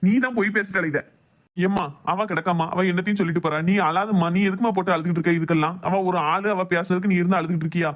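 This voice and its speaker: A man's voice: high voice, fairly even intonation, rapid-fire, fairly bright tone. A man voicing a stern grown son in a cartoon, with a Thoothukudi Tamil accent, lecturing his wife. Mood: soothing. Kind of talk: cartoon voice acting.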